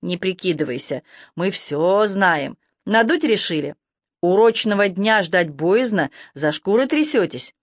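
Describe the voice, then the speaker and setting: A woman's voice: medium pitch, expressive, a little slow, no room sound. Young male falcon shapeshifter, insolent, sneering, defiant, read by a woman, dry recording.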